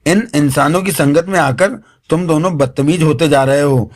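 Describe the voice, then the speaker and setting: A man's voice: a little high, normal speed, lightly acted. A man voicing a stern, pompous male jinn who orders his slaves about. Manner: stern, commanding.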